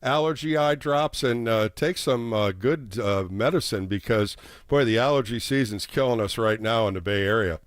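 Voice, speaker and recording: A man's voice: mid-range voice, normal speed, no echo. A man hosting a live sports call-in show, talking casually and addressing callers by name. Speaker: sports radio call-in host.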